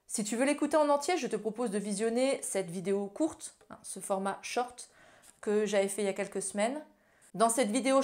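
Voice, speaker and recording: A woman giving a casual ukulele tutorial, explaining chords and strumming step by step in a friendly way. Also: medium pitch. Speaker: ukulele teacher. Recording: loud ukulele music under voice. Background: loud ukulele playing.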